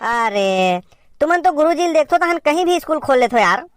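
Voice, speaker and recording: High-voiced Chhattisgarhi woman playing a bossy teacher. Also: big pitch swings, moderate pace, soft background music. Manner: bossy teacher tone, scolding and directing. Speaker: comedy sketch performer playing a teacher. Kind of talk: scripted comedy sketch in Chhattisgarhi.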